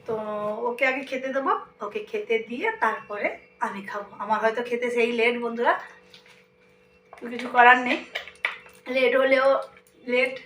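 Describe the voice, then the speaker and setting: A woman's voice: a little high, steady tone, normal speed, long pauses, soft background music. A young woman with a Bengali accent, talking chattily to her viewers as friends in a casual home vlog. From India. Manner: speaks softly at times so her sleeping daughter is not woken. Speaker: vlogger. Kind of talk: casual daily vlog narration. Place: at home, indoors.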